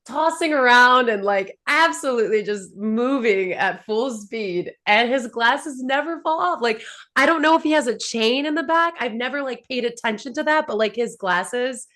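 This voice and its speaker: A woman hosting a casual show recap, talking in an animated, chatty way full of fillers and laughs. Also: fairly high pitch, normal speed. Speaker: podcast host.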